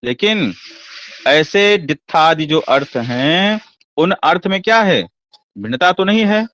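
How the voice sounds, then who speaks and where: A man's voice: a little high, lively intonation, unhurried, a bit bright, no room sound. A man teaching classical Sanskrit poetics in a lecture, asking rhetorical questions and answering them himself. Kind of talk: explanatory lecture. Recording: dull lo-fi dry recording.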